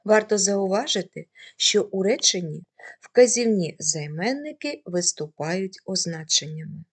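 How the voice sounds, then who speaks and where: Teacher lady going through word forms one at a time, unhurried, voice moving up and down a lot. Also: mid-range voice, lively intonation, breathy edge. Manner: slow, careful reading of word forms one by one. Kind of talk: scripted grammar lesson.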